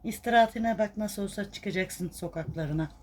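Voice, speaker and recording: Speaking at a moderate pace in a medium-pitched voice, a Turkish vlogger who rescues street cats coos fondly and scolds a cat at home in baby talk, repeating its name. A cat can be heard purring nearby, against slight background noise.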